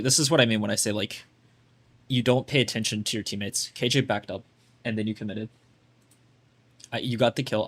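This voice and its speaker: A man with a lowish voice gives casual, blunt game coaching, talking loosely and filling his sentences with "like". He sounds relaxed and straightforward as he points out mistakes. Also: breathy edge. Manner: blunt, chatty, lots of fillers like "like". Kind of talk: casual coaching while watching gameplay.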